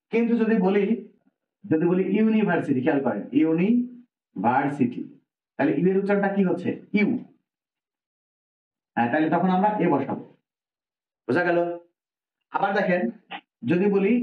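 A man from Bangladesh teaching an English grammar lesson, explaining step by step and asking his listeners questions. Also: sits high. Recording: echoey room, dull lo-fi sound.

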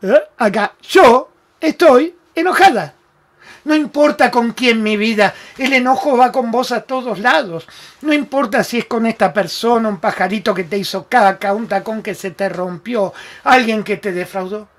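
A man's voice: high-pitched, moderate pace, fairly bright tone. Argentine guy doing a live self-help show, emphatic, keeps calling viewers love and greeting them. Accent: Argentine Spanish. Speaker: spiritual talk show host.

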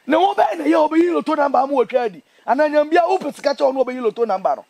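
Very high-pitched, indignant Ghanaian man. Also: quick pace, vocal fry, no echo. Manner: emphatic, indignant, animated. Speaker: interview guest, traditional priest. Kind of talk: impassioned interview talk. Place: outdoors among trees.

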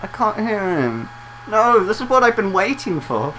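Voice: medium pitch, big pitch swings, normal speed, background noise. A let's play commentator, chatting casually over gameplay, sarcastic and laughing mid-sentence.

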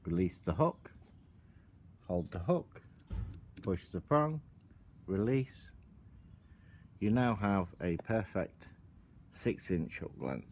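A man with a low voice talks slowly through a hands-on tutorial, calm and instructive, describing each step as he works. He sits at a table outdoors with a camera above, and a faint outdoor hum sits behind him. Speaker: product demonstrator.

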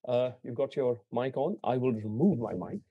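A man's voice: medium pitch, animated, moderate pace, slightly rough, highs cut off. A man hosting the event, introducing a guest speaker in a seminar room and reading partly from notes with small slips. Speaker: event host.

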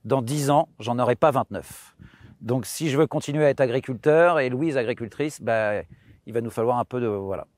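A man's voice: mid-range voice, moderate pace, darkish tone. A man in his thirties explaining his farm outdoors on a tour, casual and hesitant with many fillers. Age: 30s. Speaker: farmer giving a farm tour.

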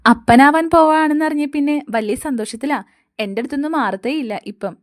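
A chatty, homely young housewife, read by a woman in an audio story. The voice is fairly high and sounds dry and close, with no room around it. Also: fairly quick, no echo, natural voice. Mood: cheerful.

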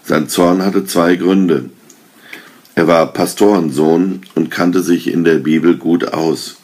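A man reading a Christmas story aloud in a measured, calm storytelling manner. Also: low voice. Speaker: reader.

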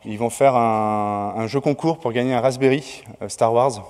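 A man organizing a conference gives opening announcements from a podium mic in a large lecture hall, hesitating often. His mid-range voice is steady, darkish, and clean at a normal speed, with reverberant hall acoustics.

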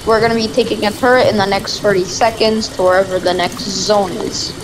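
A woman streamer chatting casually while playing, breaking into excited exclamations. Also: mid-range voice, a little fast, background noise. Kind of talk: casual gaming chat.

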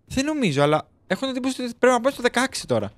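A man's voice: very high voice, very animated, dry recording. A young man co-hosting a casual let's-play, teasing his friend and telling him where to go. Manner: teasing, bossy guide through the game. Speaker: gaming co-host.

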